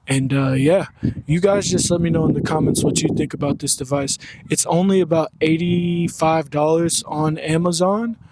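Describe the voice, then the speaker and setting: A man's voice: a little high, moderate pace. A man casually testing a wireless microphone outdoors on a windy evening. His voice goes through the device's noise cancellation, which leaves audible artifacts, first from a handheld transmitter and then from a clip-on lapel mic. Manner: relaxed, rambling. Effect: noise cancellation processing artifacts. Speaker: gear reviewer. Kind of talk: casual product test vlog. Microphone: wireless transmitter held in hand, then a clip-on lapel mic. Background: light wind.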